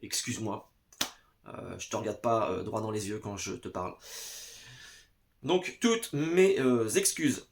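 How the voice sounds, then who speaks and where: Talking to a camera placed in front of him in his home basement, a vlogger reviews VHS tapes. His voice is fairly low, animated and measured, with vocal fry and long pauses. He is casual but hesitant, peppering his speech with "euh" and speaking directly to the viewer.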